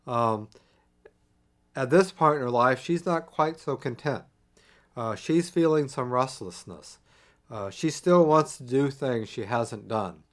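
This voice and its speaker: A middle-aged man telling a personal family story in a reflective, conversational way, pausing and restarting as he goes. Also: medium pitch.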